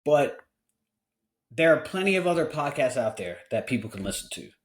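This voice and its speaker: A man's voice: medium pitch, sing-song, moderate pace, roomy sound. Earnest forty-year-old podcast host, a man. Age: 40s. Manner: candid and earnest, with frequent restarts. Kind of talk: casual podcast conversation.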